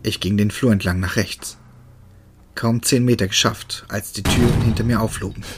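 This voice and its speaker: A man narrating a first-person horror story in a steady, tense manner. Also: fairly low pitch, moderate pace, slight background noise.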